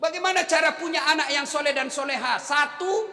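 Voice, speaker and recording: High-voiced man preaching in an echoey hall. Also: fairly quick. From Indonesia. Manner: animated preaching, swinging from loud to hushed. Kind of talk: sermon. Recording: echoey hall, roomy sound.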